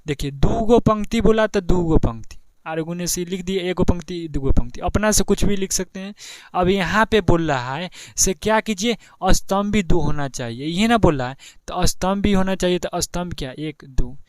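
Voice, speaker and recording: A man's voice: sits high, moderate pace, dry recording. A young male maths teacher with a Bihari Hindi accent explains a board exam lesson, talking in a chatty way, repeating each step and often checking "ठीक है ना". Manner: chatty, repeats steps, keeps asking "ठीक है ना". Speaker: math teacher.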